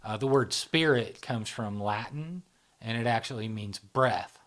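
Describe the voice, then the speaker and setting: Medium in pitch and fairly bright, this man talks a little slowly. He founded a psychology channel and explains concepts conversationally, full of fillers and tag questions, his words frequently fading to a near whisper.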